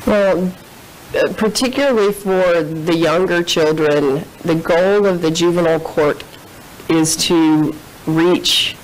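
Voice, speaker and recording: A woman's voice: fairly low pitch, takes it slowly, low-quality recording. A woman in her thirties giving formal, careful testimony from a courtroom witness stand into a desk microphone.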